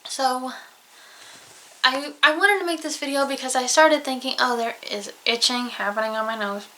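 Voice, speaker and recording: A woman's voice: high-pitched, moderate pace, pushed and bright. A young woman with a Southern US accent, talking openly to camera in a personal vlog about a hard year. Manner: open, emotional, close to tears at times. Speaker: vlogger. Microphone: camera mic, alone at home.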